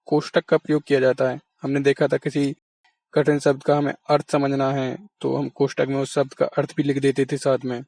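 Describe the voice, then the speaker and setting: A man's voice: mid-range voice, completely flat delivery, brisk, vocal fry, darkish tone, no room sound. A man teaching an exam-prep lesson, patiently explaining and answering his own questions.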